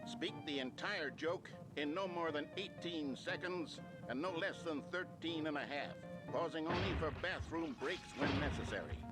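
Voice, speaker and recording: A chipper instructional video announcer, played by a man, with a slightly high voice and brisk, cheerful pacing. Loud music plays under every line, in the style of an old training film. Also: natural voice. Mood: upbeat. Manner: brisk, cheerful presenter delivery. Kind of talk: mock instructional video narration.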